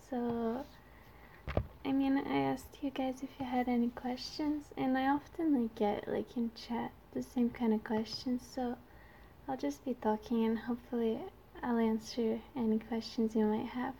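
A woman's voice: a little high, little pitch movement, a little slow, gravelly, dark tone, a little hiss or hum, rough recording. A 22-year-old woman from Canada, a native French speaker with a Quebec French accent, chatting casually and shyly to her listeners in a youthful-sounding voice. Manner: shy, hesitant, giggly. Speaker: amateur audio creator.

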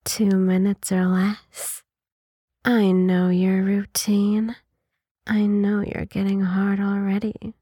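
A woman in an intimate adult ASMR role-play, speaking in a sultry, teasing, breathy way like a seductive narrator. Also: medium pitch, little pitch movement, slow, dark tone, dry recording, clean studio sound. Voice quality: husky, breathy.

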